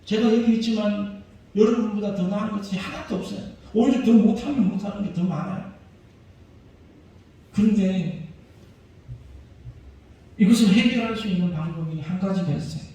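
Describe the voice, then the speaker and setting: A man's voice: sits high, normal speed, pauses often, mellow. A male pastor preaching a sermon, pressing the congregation with rhetorical questions. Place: church sanctuary. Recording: very echoey church hall, voice far from mic.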